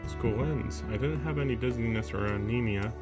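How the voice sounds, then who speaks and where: Game music runs under this mid-range male voice as he live streams a visual novel at normal speed, reading the text out loud and slipping in sarcastic, offhand remarks.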